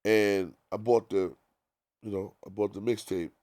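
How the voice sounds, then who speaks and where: Low-voiced New storyteller. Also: male voice, measured pace, no echo. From New York. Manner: animated, profane, full of quoted dialogue. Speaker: guest DJ. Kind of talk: casual storytelling.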